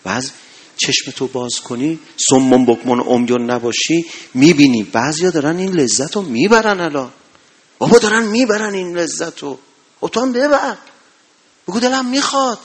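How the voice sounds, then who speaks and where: An impassioned male preacher. He exhorts loudly, then drops to a hushed storytelling tone, in the rhythm of a religious sermon. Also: animated, slightly rough. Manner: impassioned, rising to loud exhortations then dropping low.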